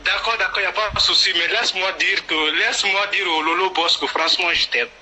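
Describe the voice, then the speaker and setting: Brief: man on a call, friendly, fairly high voice, noisy line. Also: fairly even intonation, fast, sharp tone. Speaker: caller.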